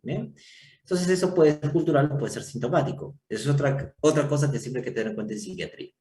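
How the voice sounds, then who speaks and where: A man's voice: mid-range voice, fast, mellow. Male lecturer, patient and explanatory, recorded from a distance with faint background noise. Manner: explanatory, checks in with frequent rhetorical questions. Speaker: psychiatry lecturer. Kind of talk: university lecture. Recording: echoey room, distant mic, faint noise.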